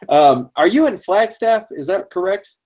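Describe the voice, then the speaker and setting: A man's voice: sits high, darkish tone. A man hosting a casual interview, friendly and talkative, often laughing and using many fillers. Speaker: podcast host.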